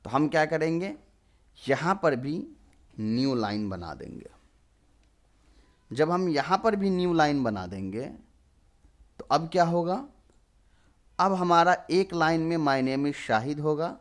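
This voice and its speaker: A young man in his twenties talks through a coding lesson on screen. His voice sits a little high for a man. He asks himself questions and then answers them. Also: lively intonation, takes it slowly, long pauses. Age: 20s. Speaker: programming tutor.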